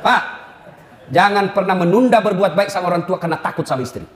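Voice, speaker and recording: A man preaching a humorous sermon, teasing the audience with sudden shouts. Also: high-pitched, animated, quick pace. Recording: roomy hall, faint ambience.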